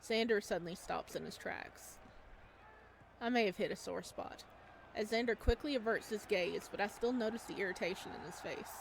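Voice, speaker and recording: Reading a visual novel aloud during a gameplay session, a woman switches between the scripted story and spontaneous asides. She speaks at a moderate pace in a mid-pitched voice with some vocal fry, and there's a faint hiss or hum in the background.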